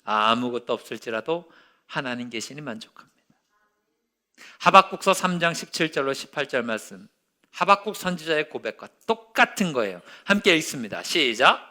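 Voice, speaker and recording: Bright-voiced male preacher. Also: medium pitch, sing-song, moderate pace. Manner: storytelling with acted-out quotes, swinging from hushed to loud. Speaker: pastor. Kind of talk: sermon.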